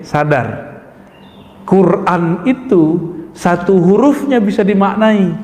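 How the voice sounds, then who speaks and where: A man preaching a sermon in an emphatic, lively way, often turning to his listeners directly. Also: high-pitched. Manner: lively, emphatic, addresses audience as "Pak". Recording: echoey hall.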